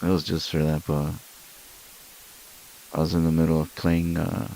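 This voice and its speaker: A man's voice: a bass voice, monotone, moderate pace, gravelly, dark tone, a little hiss or hum. A man streamer chatting casually and rambling while he draws and plays games, chuckling often. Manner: rambling and easygoing, with frequent chuckles.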